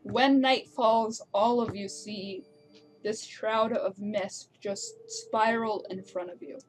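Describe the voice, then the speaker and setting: A woman narrating a tabletop game as game master, in a casual, relaxed way. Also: a little high, slow pace, soft background music.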